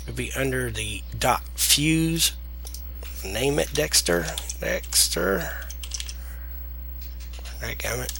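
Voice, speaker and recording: A man with a deep Southern American accent talks slowly through a casual software tutorial. His voice is bright and creaky, with slightly slurred S sounds. He speaks haltingly and rambles, over faint noise. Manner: halting, rambling delivery with trailing sentences. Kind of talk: casual unscripted screen tutorial.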